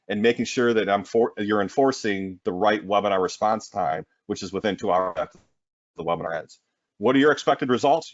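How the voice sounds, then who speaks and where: A man presenting a marketing webinar in an energetic sales pitch, often tossing in "right?". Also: no echo, highs cut off.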